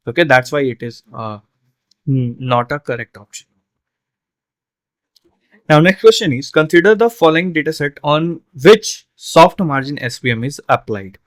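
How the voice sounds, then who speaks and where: With a fairly high-pitched voice and no room sound, a man working as an online tutor breaks down an exam solution step by step. He's a bit weary, yawning, and leans heavily on fillers and tag questions.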